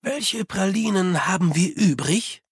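An audiobook narrator voicing a wise, sly old monk who speaks calmly and matter-of-factly. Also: male voice, high voice, unhurried, husky, no room sound, clean studio sound, pitched above the performer's own voice, exaggerated voice. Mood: wry.

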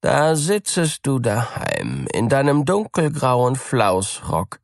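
A man's voice: medium pitch, huge pitch swings, slow pace, vocal fry, dry recording, studio quality, pitched above the performer's own voice, heavily acted. A man voicing a greedy, sly female cat in a fairy tale, with a smug, sweet-talking manner.

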